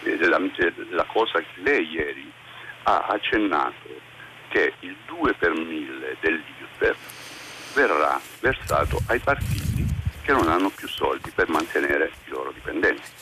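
An older man phoning in to a radio talk show, his low voice bright and forceful. He argues with indignation about politicians. His call comes through over a phone line with a faint hiss. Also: sing-song, a little slow.

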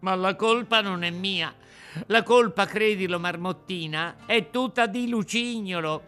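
A man's voice: measured pace, sharp tone, smooth, faint music behind. A man voicing a frightened wooden puppet boy who whines and wails in despair. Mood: pleading. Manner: shrill, whining, desperate.

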